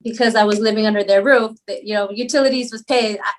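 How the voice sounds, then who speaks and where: A woman from Palau, guesting on a podcast, tells her story in a casual interview chat, rambling and laughing easily. Her voice is medium-pitched and steady, and she talks at a quick pace.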